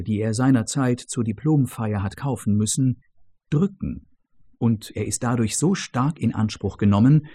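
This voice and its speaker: Male narrator for audiobook fiction: husky, mellow and dark, with a very lively pitch. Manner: expressive, dramatic reading. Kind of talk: scripted story narration.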